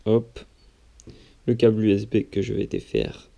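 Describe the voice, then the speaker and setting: A man's voice: on the low side, level tone, a little slow, vocal fry, mellow. A man from France giving a rambling, off-the-cuff unboxing commentary at home, full of fillers and little "hop"s. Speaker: unboxing vlogger.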